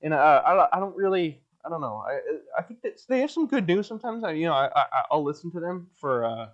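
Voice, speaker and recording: This young podcast host, nasal and fairly high-pitched, talks briskly through a crude, deadpan solo ramble from a hot basement. He keeps restarting, his mouth sounds dry and he coughs a little, all captured in dull audio.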